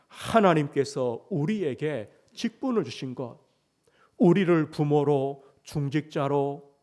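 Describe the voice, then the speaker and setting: Korean pastor preaching, mellow voice. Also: male voice, a little high. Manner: rhetorical questions, swings from soft to raised voice. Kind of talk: sermon.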